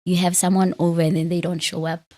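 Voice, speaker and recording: A fast-talking woman with a mellow, lowish voice and little pitch movement hosts a conversational podcast interview. In her late thirties and from Free State, South Africa, she is open, self-mocking, and laughs easily.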